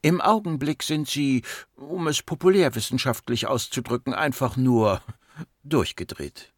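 A man's voice: mid-range voice, measured pace, dry recording, clean studio sound, voice pushed up, natural voice. A man reading a patient, composed female psychiatrist in her fifties, raising his voice to play her. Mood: firm. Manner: patient, firm, soothing.

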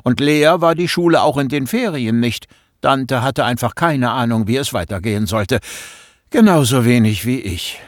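A man narrating an audiobook in a measured storytelling manner, close to the mic. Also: mid-range voice, lively intonation, dry recording. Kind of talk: scripted narration.

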